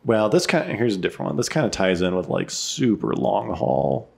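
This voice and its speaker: A man's voice: sits low, sing-song, moderate pace, vocal fry, breathy edge. A man in a casual, sweary chat, telling stories and slipping into imagined quotes as he goes. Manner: frequent swearing. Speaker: podcast co-host recounting road trips.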